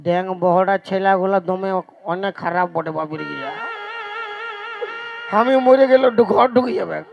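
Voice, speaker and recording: A man's voice: high-pitched, normal speed, vocal fry, highs cut off. A man with a Purulia Bengali accent playing a sulky husband who keeps threatening to die, in a melodramatic, whiny way, on a village comedy stage. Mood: sulking. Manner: whiny, melodramatic self-pity. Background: loud folk stage music.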